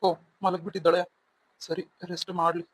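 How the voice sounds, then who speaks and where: A man's voice: sits high, flat delivery, brisk, a bit bright, dry recording, poor audio. A man voicing Siddharth, a remorseful young husband. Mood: pleading. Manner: pleading, earnest. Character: remorseful young husband, pleading with his wife.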